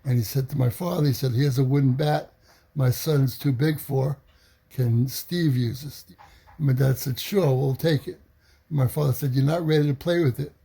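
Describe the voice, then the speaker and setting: A man telling a childhood story in an animated way, acting out the voices of the people in it. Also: medium pitch, normal speed, gravelly, slightly rough. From New York City. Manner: animated, acts out quoted voices. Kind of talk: personal storytelling.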